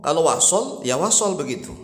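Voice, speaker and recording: A man explaining a point of religious practice, now and then chanting phrases slowly to demonstrate. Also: a little high, big pitch swings. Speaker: religious teacher. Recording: echoey room with long reverb.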